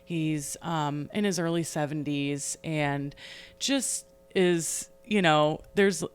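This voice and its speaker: A young adult woman and podcast co-host in casual chat, telling an animated story and laughing often. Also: sits low, takes it slowly, clean tone, faint music behind. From New England.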